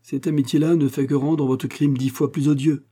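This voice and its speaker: A man's voice: on the low side, brisk, warm tone, lightly acted. A man doing a stern police inspector. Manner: severe, commanding, then explosive. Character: stern, quick-tempered male police inspector.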